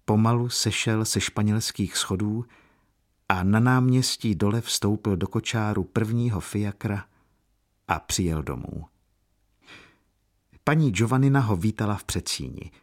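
A man narrating a novel aloud in a slow, lyrical way. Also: on the low side. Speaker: audiobook narrator. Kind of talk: scripted narration.

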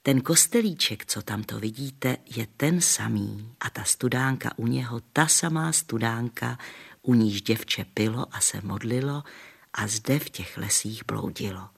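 A kindly old village grandmother, read by a man, spinning folk tales for the little ones in a homely, unhurried way. The voice is gravelly and a bit husky, sitting at a middling pitch. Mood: storytelling. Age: older. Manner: homely, patient storytelling with folksy sayings.

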